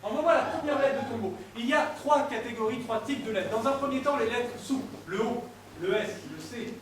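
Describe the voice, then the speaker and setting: A man with a strikingly high voice performs a mentalism act, playfully teasing and joking with his volunteers. He sounds far from the mic in a very echoey hall, with audible room ambience behind him. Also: fairly quick, a little hiss or hum. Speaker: stage mentalist. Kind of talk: live stage performance with audience banter. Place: theater stage before an audience.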